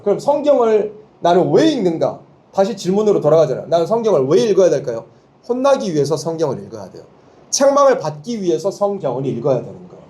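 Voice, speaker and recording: A male preacher teaching students at a Bible school, with a mellow, dark voice that swings widely in pitch. He sits a little high for a man and drives his points with emphatic rhetorical questions. He often has the room repeat short lines after him. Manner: leads call-and-response, has listeners repeat lines. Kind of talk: sermon to students.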